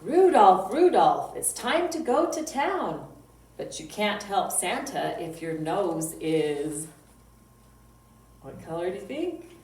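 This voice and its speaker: With big pitch swings and a slow, darkish mid-range voice, this woman hosts children's library storytime. She's playful and sing-song, asking young children simple questions, reciting poems and singing. The recording sounds roomy and echoey from a distant mic, with faint noise.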